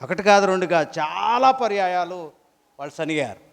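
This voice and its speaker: A man's voice: high-pitched, expressive, fairly quick, gravelly, big-room sound. A pastor preaching a sermon, throwing rhetorical questions at his congregation.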